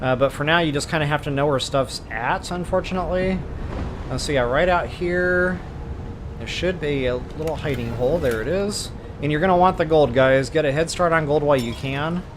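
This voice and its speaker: With a slightly high voice at an ordinary pace, a man narrates his let's play in an informal, slang-heavy way, with noise in the background.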